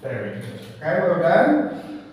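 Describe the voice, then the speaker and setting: Speaking a little slowly, with big swings in his high, slightly mellow voice, an English teacher in his thirties poses simple exam questions and gives brief, encouraging praise. A distant camera microphone records him in a small, bare classroom, so the sound is echoey with faint noise.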